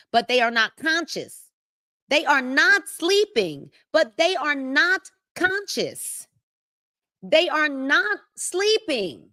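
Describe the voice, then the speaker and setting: Woman, 50s, motivational book-club host, high-pitched, preachy cadence. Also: fairly bright tone, no room sound, clean studio sound. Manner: preachy, drawn-out reading with asides to viewers. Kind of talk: live-stream book reading and motivational talk.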